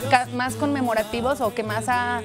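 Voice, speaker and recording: High-voiced chatty Mexican woman host. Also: steady tone, over music. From Aguascalientes, Mexico. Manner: chatty, playful, quick asides. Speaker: TV music show host. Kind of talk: lively studio interview. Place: TV studio with a band. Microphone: handheld mic.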